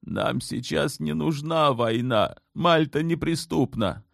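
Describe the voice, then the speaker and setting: A man's voice: a little high, vocal fry, fairly bright tone, no echo, clean studio sound, pitched above the performer's own voice, exaggerated voice. A man playing a stern aging sultana mother. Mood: soothing. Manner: firm, measured, clipped when pressed. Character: older woman, sultan's mother, stern and commanding. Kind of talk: audiobook character voice.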